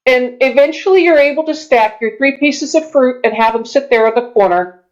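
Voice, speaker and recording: A woman with a high voice runs a tabletop game, describing scenes as she makes them up. Her delivery is halting and descriptive, and the audio is a little dull. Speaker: game master. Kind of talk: improvised tabletop game narration.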